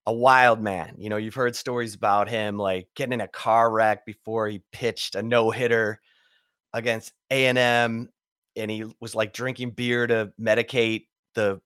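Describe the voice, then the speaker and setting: A man's voice: lowish voice, level tone, moderate pace, smooth, no room sound, clean studio sound. A middle-aged man from Michigan hosting a casual sports podcast, chatty and full of stories. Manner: chatty storyteller, warm welcomes. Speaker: podcast host.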